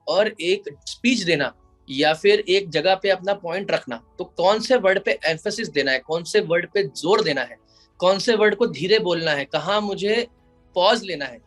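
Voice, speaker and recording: A man's voice: high voice, a bit bright. A man who is an advocate, answering interview questions in an explanatory way and slipping English phrases into his Hindi. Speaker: advocate and IP lawyer.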